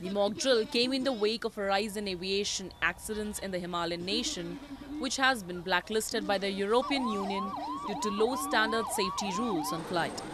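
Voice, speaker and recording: A female reporter voicing a scripted news report with lively intonation. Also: medium pitch, normal speed.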